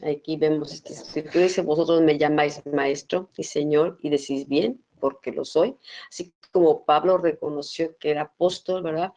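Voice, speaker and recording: Female bible co-teacher, lower voice, conversational explanatory delivery. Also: fairly even intonation, normal speed, warm tone. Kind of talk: church teaching lecture.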